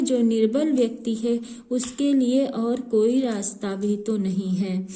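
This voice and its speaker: A woman teaching a poem, reading each verse and then slowly explaining and repeating its meaning. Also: a little high, dark tone. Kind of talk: explaining a Hindi poem line by line.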